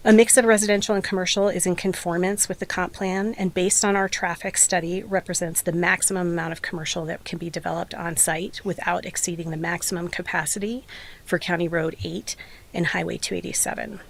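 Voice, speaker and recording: At a public meeting, a slightly hoarse woman with a lowish voice makes her formal, prepared case as a development applicant. She talks fairly quickly, with fairly even intonation.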